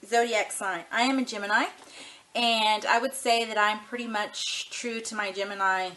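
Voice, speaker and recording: A woman in her thirties chats casually to camera for a tag video, rambling frankly and easily with plenty of ums and you-knows. Her medium-pitched voice is steady, bright, and forceful at a normal speed, and the recording is rough.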